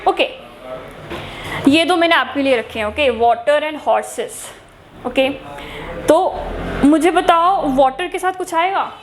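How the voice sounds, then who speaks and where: High-voiced woman teaching grammar. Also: slow pace, pauses often. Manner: asks questions and answers them herself; mixes Hindi with English phrases. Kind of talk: exam-prep grammar lesson. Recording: echoey room with faint noise.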